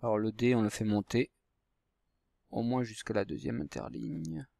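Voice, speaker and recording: A man's voice: lowish voice, animated, normal speed, vocal fry, warm tone, no echo, clean studio sound. A man teaching a lesson to young pupils, patiently spelling out letters and syllables. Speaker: primary school teacher. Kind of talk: recorded handwriting and reading lesson for young pupils.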